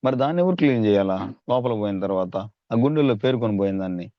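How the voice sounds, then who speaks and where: A man's voice: mid-range voice, lively intonation, very fast, no echo, highs cut off. A man giving a persuasive sales training talk, calling on his listeners and asking rhetorical questions. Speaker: network marketing trainer.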